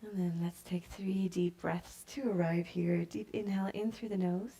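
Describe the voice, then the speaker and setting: A woman yoga teacher guiding a class with slow, soft-spoken calm cues that sometimes drop to a breathy near-whisper. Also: lowish voice, a little hiss or hum. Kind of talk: guided yoga instruction.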